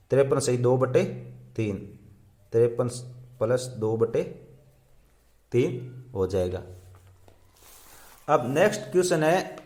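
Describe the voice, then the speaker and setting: A male math teacher walks through a lesson at an unhurried, deliberate pace. He counts parts aloud one by one and repeats each step for young pupils. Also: medium pitch, darkish tone.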